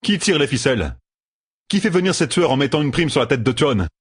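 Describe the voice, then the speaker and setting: A man plays a cocky one-eyed rogue from a fantasy audiobook, pitched well above a low husky reading voice. He sounds sardonic and defiant, with a lively, swinging delivery. The recording is close and dry. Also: a little fast, no echo.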